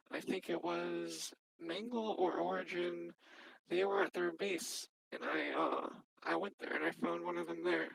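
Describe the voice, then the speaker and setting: Voice-changer defendant, gravelly and defensive, mid-pitched, roleplay court testimony. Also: fairly bright tone, no echo, low-quality recording. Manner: defensive, self-justifying. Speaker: defendant in a mock court trial. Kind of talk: testifying in a game-server roleplay trial.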